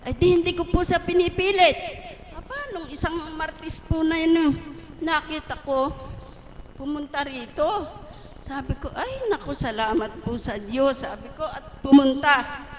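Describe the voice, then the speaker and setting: An older woman in her sixties gives a heartfelt personal testimony, earnest and polite. Her voice sits high. It rings through a large echoey hall, with a faint hum behind her. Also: steady tone, unhurried, pauses often. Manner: earnest, polite, repeats thanks to God. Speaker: church member giving testimony. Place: church hall.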